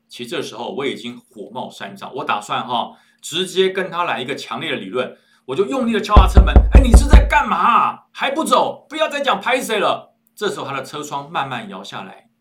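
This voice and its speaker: Animated Taiwanese man telling a ghost story. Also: mid-range voice. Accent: Taiwanese Mandarin. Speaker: storyteller, former army officer.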